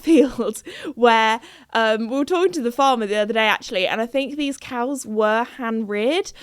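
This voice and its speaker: Young woman chatting on her podcast, bubbly, laughs a lot, highish voice, dry sound. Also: no room sound. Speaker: podcast host. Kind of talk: casual chat.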